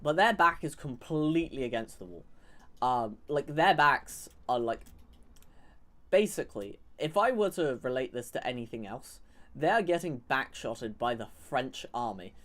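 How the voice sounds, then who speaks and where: A man giving casual, rambling commentary on a strategy game he is playing, often restarting phrases and mocking his opponents sarcastically. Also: a little high. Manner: rambling, sarcastic, self-correcting. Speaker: gaming YouTuber.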